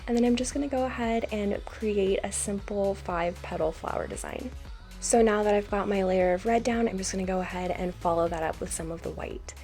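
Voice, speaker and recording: An American woman narrating a craft tutorial as a voice-over, explaining each step in a calm, instructional way. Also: mid-range voice. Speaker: craft channel host.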